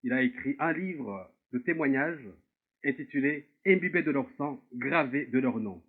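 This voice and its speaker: A man's voice: mid-range voice, animated, normal speed. A man hosting a television interview, speaking politely and formally with some hesitant fillers. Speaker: talk show host. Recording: tinny phone-like sound.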